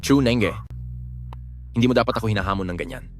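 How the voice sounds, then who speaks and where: A proud young prince speaks in a lowish, brisk, brooding voice, voiced by a man. His lines are short and intense. Gentle score music plays beneath. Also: lightly acted. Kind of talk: dubbed period drama.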